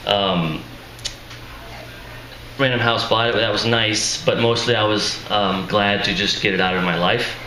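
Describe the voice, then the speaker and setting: At a live reading before an audience, a male author introduces his book casually and self-deprecatingly, chuckling in asides. His voice is on the low side, fairly even, measured, pushed and bright, yet strained and tired. The room is echoey with noisy ambience.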